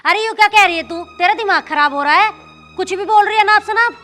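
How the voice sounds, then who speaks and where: A woman as a high, sharp-tongued village mother. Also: lively intonation, normal speed, over music. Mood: scolding. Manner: scolding, earthy village speech.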